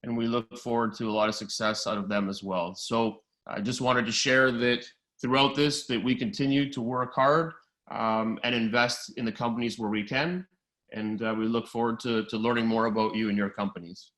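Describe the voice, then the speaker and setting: A man hosting an online chat, speaking haltingly with many fillers. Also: mid-range voice, fairly even intonation, fairly bright tone. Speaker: webinar host. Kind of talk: introducing a live online chat.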